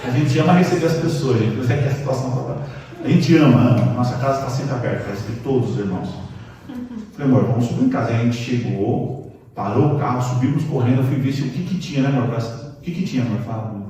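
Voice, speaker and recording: A man's voice: medium pitch, fast, warm tone. Brazilian male preacher, conversational testimony style, recorded from a distance in a reverberant church hall. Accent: Brazilian Portuguese. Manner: chatty, addresses the congregation directly as brothers. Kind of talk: sermon with personal testimony. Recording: echoey hall, distant mic, faint noise.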